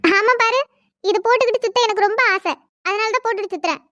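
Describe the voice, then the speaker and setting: A woman's voice: very high voice, fast, a bit bright, no room sound, muffled recording. A woman voicing a defiant young bride in a cartoon drama, firing back sarcastic retorts.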